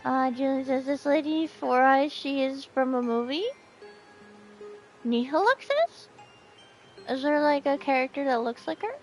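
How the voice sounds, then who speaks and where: A woman's voice: high-pitched, unhurried, pauses often, faint music behind. A woman streamer chatting casually while playing, reacting and reading chat aloud. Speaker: game streamer. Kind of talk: casual let's-play commentary.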